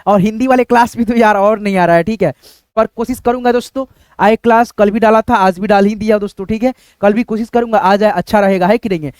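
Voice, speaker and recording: A man gives an online lesson, sounding out short words letter by letter and tagging "right?" onto his steps. His voice is very high and smooth. The sound is dry and close, with no room around it. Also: fairly even intonation, fast, darkish tone, no room sound. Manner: spells letter by letter, often adds "friends" and "right?". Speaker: teacher. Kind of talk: online spelling and pronunciation lesson.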